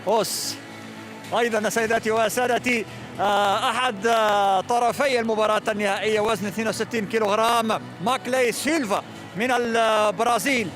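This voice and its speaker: A man's voice: sits high, steady tone, fairly quick, fairly bright tone, faint music behind. A man working as an on-site sports interviewer on a live broadcast, speaking in a formal, congratulatory manner.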